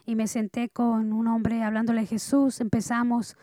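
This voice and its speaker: A woman preaching a sermon, her voice a little high and mellow. She moves between hushed, intimate lines and loud, urgent ones. The sound is close and dry, with no room around her. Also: flat delivery, moderate pace, dry recording. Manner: earnest preaching, swinging between soft and loud. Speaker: pastor.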